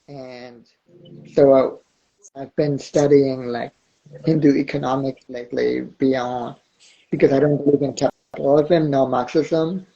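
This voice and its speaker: A man's voice: medium pitch, steady tone, measured pace, creaky, dark tone, dull audio. A man from Burma in a casual chat, speaking hesitantly and thoughtfully with many fillers. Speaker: guest.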